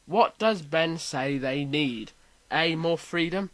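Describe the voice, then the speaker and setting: A man hosting a casual quiz chat, reading out questions with lively emphasis. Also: fairly high pitch, slow, no echo. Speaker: quiz host.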